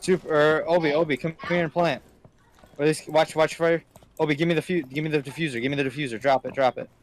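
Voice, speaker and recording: A man's voice: a little high, fairly even intonation, fast talker. A man leading his team in casual game voice chat, giving directive tactical calls and often repeating his instructions. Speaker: team leader in an online game. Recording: noisy gaming voice-chat mic.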